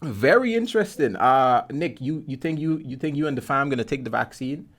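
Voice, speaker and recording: A Guyanese podcast host chats in a laid-back, conversational interview style, heavy on informal slang. His medium-pitched voice is animated and a little fast.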